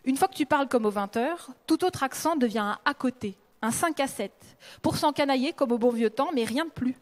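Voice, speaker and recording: A woman novelist reading a passage of her own book aloud in a lively, expressive way. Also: high voice, fairly quick.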